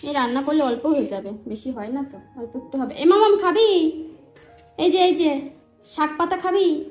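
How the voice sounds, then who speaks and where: A woman's voice: high-pitched, fairly quick, a little mellow, roomy sound, soft background music. A woman filming at home, chatting casually and playfully coaxing a toddler in baby talk.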